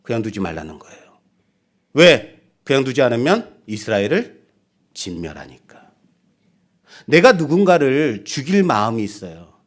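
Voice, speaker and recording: A man's voice: mid-range voice, normal speed, long pauses. A male pastor preaching a sermon, asking the congregation rhetorical questions and acting out quoted speech. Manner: animated, acts out quoted speech.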